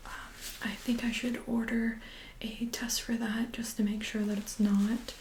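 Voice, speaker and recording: A woman performs a whispered medical role-play in a soft, breathy voice. Her pitch sits a little high but stays very even, and she speaks slowly. Her manner is gentle, calm and reassuring, like a nurse at the bedside. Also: a little hiss or hum. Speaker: ASMR performer playing a medical examiner.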